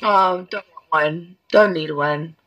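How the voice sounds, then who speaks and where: A woman's voice: sits low, slow pace, a bit bright, lo-fi sound. Brief: woman, twenties, from Oklahoma, casual video-call chat, playful. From Oklahoma, USA. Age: 20s. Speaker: content creator chatting on a video call.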